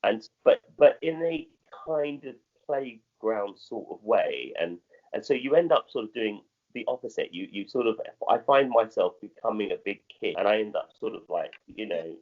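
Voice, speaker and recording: With a fairly low pitch and lively intonation, a middle-aged theatre director speaks in a modern British accent over phone-quality audio. Answering interview questions conversationally, he is halting and often repeats or rephrases what he says.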